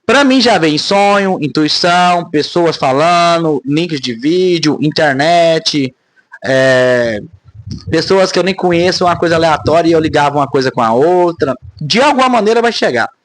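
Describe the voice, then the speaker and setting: A man's voice: fairly high pitch, lively intonation, moderate pace, dry recording. A man, talking casually to camera in a rambling vlog monologue, often ending phrases with tag questions. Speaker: spiritual vlogger.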